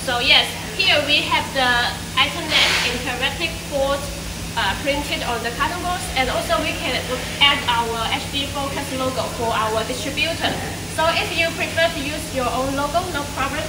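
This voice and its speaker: High-voiced woman touring a factory. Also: normal speed. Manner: hesitant, many fillers and restarts. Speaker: sales manager giving a factory tour. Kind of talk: walking factory tour presentation. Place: large indoor factory workshop. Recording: echoey workshop, distant mic, loud background hum.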